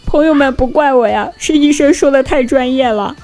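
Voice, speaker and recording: Young woman, very high cutesy voice, playful comic storytelling, exaggerated delivery, music underneath. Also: moderate pace, a little mellow. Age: young adult. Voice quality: cutesy, girlish, squeaky-sweet voice. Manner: playful, exaggerated, acts out dialogue. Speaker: online streamer and host telling funny anecdotes.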